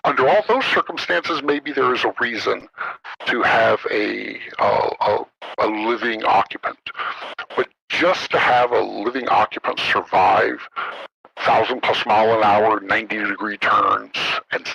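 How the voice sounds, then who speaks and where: A man's voice: fairly low pitch, a little slow, vocal fry, sharp tone, husky, rough recording. A man speaking through a voice alteration that disguises his identity, a former military official talking carefully and hesitantly, with many ums and uhs, in a podcast interview.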